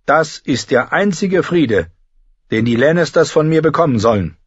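A man's voice: fairly high pitch, lively intonation, moderate pace, breathy edge, no room sound, lo-fi sound, voice pushed up. A man voicing a grave, stubborn young lord who speaks firmly and grimly. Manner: firm, grim.

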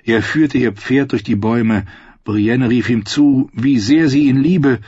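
A man reading a novel aloud in a measured, dramatic narration style. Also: medium pitch, darkish tone, slightly rough, dry recording, highs cut off. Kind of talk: scripted audiobook narration.

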